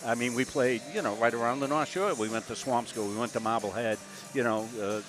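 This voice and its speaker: An older man from Massachusetts calls a college basketball game from courtside. His talk is folksy and rambling, full of filler words, in a mid-range voice. Music plays clearly in the background. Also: medium pitch, brisk. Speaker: play-by-play announcer. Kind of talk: live basketball commentary.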